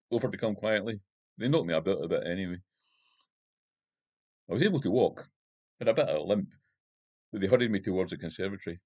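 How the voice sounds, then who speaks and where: A man with a low, deep voice reads his own first-person crime novel aloud. He narrates at a steady, measured pace. The sound is dry and close, with no room echo. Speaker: author reading his novel.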